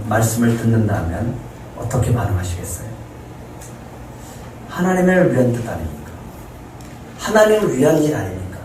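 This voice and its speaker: A man's voice: mid-range voice, darkish tone. Echoey distant male pastor preaching. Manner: storytelling, acting out quoted lines with rising emphasis. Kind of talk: sermon. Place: church sanctuary. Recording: echoey room, heard from a distance, faint noise.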